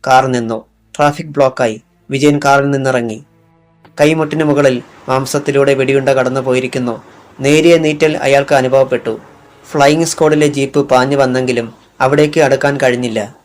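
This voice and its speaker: A man narrating a crime thriller audiobook in a measured, even reading. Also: medium pitch. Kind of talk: scripted narration.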